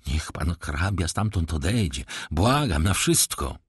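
A man's voice: mid-range voice, sing-song, moderate pace, breathy edge, no echo, studio quality, voice pushed up. A man voicing a frightened, superstitious male steward who pleads in an agitated voice, in an audiobook reading. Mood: pleading. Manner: agitated and pleading, voice rising in fear.

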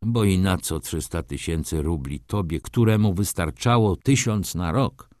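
A man's voice: deep voice, measured pace, darkish tone, dry recording, studio quality. A man voicing an old male clerk, dreamy yet blunt, who talks insistently. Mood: pressing. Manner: pressing, insistent.

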